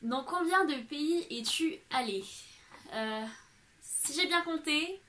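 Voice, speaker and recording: A young woman from France answers her viewers' questions in a loose, chatty vlog. Her voice is bright and a little high, and she fills her talk with small hesitations. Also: expressive, takes it slowly, slight background noise. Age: young adult. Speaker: vlogger. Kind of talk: casual Q&A vlog.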